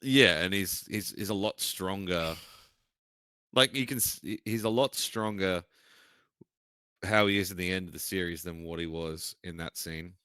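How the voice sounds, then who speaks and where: A man's voice: deep voice, normal speed, sharp tone, clear, resonant tone, no room sound. A man co-hosting a casual chat, blunt and swearing often, trailing off mid-sentence. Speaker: podcast co-host.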